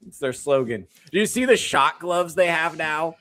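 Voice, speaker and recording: A man's voice: a little high, lively intonation, normal speed, over a noisy crowd. A man hosting a comedy podcast, ranting animatedly about clips and swearing freely. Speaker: podcast host.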